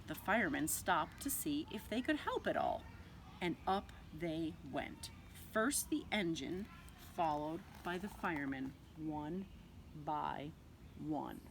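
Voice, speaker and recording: Like a nursery teacher, a woman reads a picture book aloud to young children, expressive and animated, with dramatic pauses and drawn-out words. Her voice is lowish with vocal fry, and there's slight background noise.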